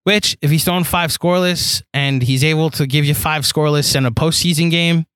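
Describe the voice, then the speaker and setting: Young guy ranting on his podcast, kinda high voice, dry close mic, lots of "like"s. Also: a little fast, smooth, no room sound. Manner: animated, rambling, frequent "like" fillers and restarts. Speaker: podcast host. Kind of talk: solo sports podcast monologue.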